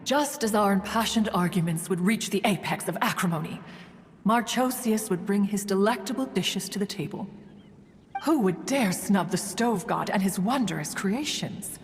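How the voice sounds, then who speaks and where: A woman voices a proud, wistful ancient immortal in scripted game dialogue, telling a story in formal, archaic, pompous language with a nostalgic mood. Her medium-pitched voice moves at a normal speed and sounds close to everyday speech, set against music and a long hall reverb.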